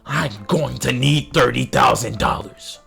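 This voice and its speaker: A melodramatic, indignant mother, as a man mockingly puts her on, drags out every word in a very slow, theatrical delivery. Her voice is deeply gravelly and rough. The whole thing is played as an over-the-top parody. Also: a bit bright, soft background music. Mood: mock outrage.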